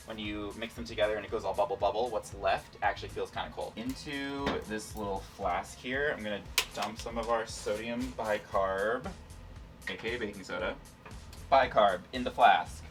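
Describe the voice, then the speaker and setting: A man's voice: fairly low pitch, a bit bright, far from the mic. A man hosting a casual science demonstration, explaining things informally and playfully. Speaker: host, scientist.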